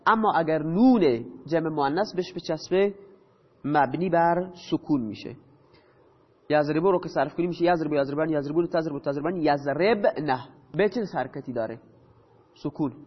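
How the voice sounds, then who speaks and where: A high-pitched man teaching a grammar lesson, putting questions to his class and answering them himself. The recording is dull and lo-fi, with a long reverb trailing his words. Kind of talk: explaining grammar to students.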